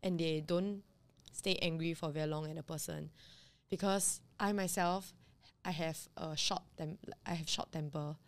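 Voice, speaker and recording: Female podcast co-host, lower voice, rambling and filler-heavy. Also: steady tone, moderate pace. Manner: chatty, filler-heavy, lots of "like". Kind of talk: casual chat.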